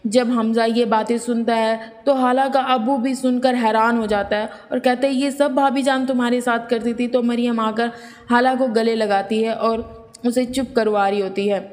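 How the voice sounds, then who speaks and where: A woman hosting a review channel who retells a drama episode in a steady storytelling way and reads the characters' lines in her own voice. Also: a little high, big-room sound. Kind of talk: scripted episode recap narration.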